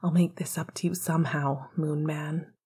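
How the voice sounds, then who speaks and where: A woman voicing a tender, remorseful young man in a storybook reading, speaking hushed and husky. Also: low voice, fairly even intonation, moderate pace.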